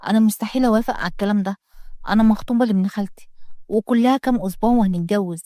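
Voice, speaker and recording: A woman's voice: medium pitch, racing, mellow, no room sound, clean studio sound, natural voice. A woman voicing a spirited young working woman with an Egyptian accent, questioning indignantly in a story reading. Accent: Egyptian Arabic. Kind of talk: storytelling read-aloud.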